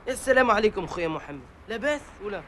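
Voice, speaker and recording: A man's voice: high voice, sing-song, pushed and bright, a little hiss or hum, heavily acted. A restless hungry young man. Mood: easygoing. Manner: quick, offhand, joking. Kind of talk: film acting.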